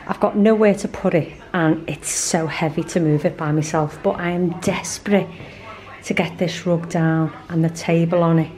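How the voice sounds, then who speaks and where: A woman's voice: on the low side, fairly even intonation, moderate pace, a little mellow. A woman, chatting casually and ramblingly to camera as a home vlogger. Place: living room at home. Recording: clear background noise.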